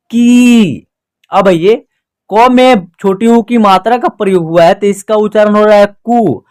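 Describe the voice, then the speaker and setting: A patient teacher explaining step by step in a clear, smooth voice of medium pitch. The teacher keeps posing little questions aloud and answering them at once, repeating each point so it sticks. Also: a little mellow. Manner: slow, patient and repetitive explaining. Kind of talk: spoken classroom lesson.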